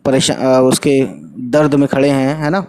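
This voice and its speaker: A man's voice: medium pitch, flat delivery, darkish tone. A man teaching an Urdu textbook lesson. He reads a line, explains it in simple words with some English mixed in, and checks in with his students.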